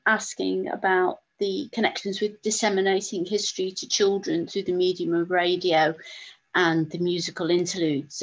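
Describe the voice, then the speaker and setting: A woman's voice: lowish voice, gravelly. A woman hosting an online talk, reading out audience questions and adding her own loose, reflective remarks. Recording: dull, lo-fi sound.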